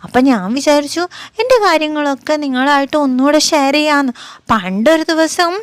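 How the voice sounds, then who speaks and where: A woman's voice: high-pitched, brisk, dry recording, lightly acted. A woman from Kerala speaking as a cheerful little boy who tells his own story in a chatty, coaxing vlog narration. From Kerala, India. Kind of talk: first-person vlog narration as her child.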